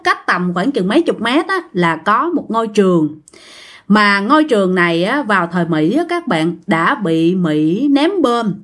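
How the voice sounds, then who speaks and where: A woman narrating ghost stories in an expressive way, speaking directly to her listeners. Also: mid-range voice. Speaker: storyteller.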